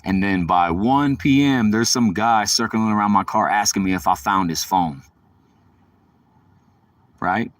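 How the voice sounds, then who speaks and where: A man's voice: on the low side, unhurried, long pauses, no room sound, distant mic. A man livestreaming, telling stories in a casual, rambling way with lots of profanity and street slang. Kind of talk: casual storytelling.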